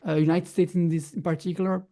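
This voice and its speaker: A young man from Belgium chats as a guest musician, his voice a little gravelly. He speaks in English, halting and restarting often with lots of fillers. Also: high voice, level tone, mellow. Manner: hesitant, many restarts and fillers, non-native phrasing. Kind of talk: casual interview chat.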